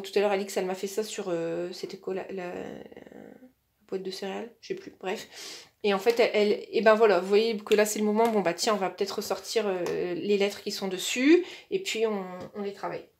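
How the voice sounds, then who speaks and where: Woman, casual teacher type, chatty instructional explainer with hesitations; slows for demonstrations. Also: mid-range voice. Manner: chatty with frequent fillers and repeated words; slows down and stretches words when demonstrating to a child. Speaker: teacher explaining a reading method for young children.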